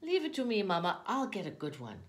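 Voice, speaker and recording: A woman doing an eager little storybook boy. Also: a little fast. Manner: excited, eager, high and bouncy. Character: lively young village boy, eager.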